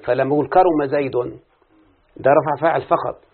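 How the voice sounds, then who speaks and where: A man's voice: fairly high pitch, fairly even intonation, quick pace, phone-quality sound. A man with an Egyptian accent teaching a classical grammar lesson, often prompting his students with questions. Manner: questioning, drawing students in with repeated "what?" prompts. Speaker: teacher of Arabic morphology. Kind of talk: classical Arabic grammar lesson with opening prayers.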